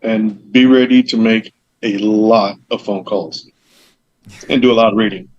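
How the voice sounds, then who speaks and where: Here the meadery owner sounds lowish, a little mellow and unhurried, his intonation fairly even. As a podcast guest he rambles casually about opening his business, full of loose fillers and tangents, and acts out conversations. The recording is dry, dull and lo-fi.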